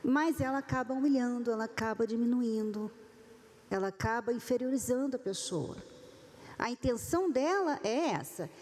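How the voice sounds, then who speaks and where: A woman giving a church-style talk about relationships, animated, acting out the people she quotes. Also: fairly high pitch, moderate pace. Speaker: speaker at a couples' talk. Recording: long hall reverb.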